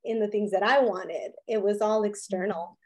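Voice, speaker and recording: A woman's voice: mid-range voice, fairly even intonation, moderate pace, a little mellow. A woman guest in an interview, telling her personal story in an earnest, candid way, often saying "you know". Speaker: interview guest, business owner.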